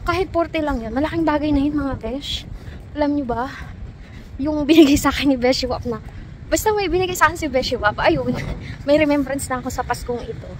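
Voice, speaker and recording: A young Filipina woman with a high voice vlogs outdoors in the cold, chatting with her viewers in a brisk, storytelling way and laughing often. She sounds sick, low and tired, and there is slight background noise.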